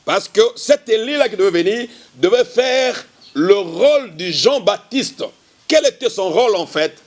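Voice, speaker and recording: A male pastor giving a measured televised sermon, often repeating the same explaining phrase. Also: high-pitched, expressive. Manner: measured preaching, repeats "qui est en fait".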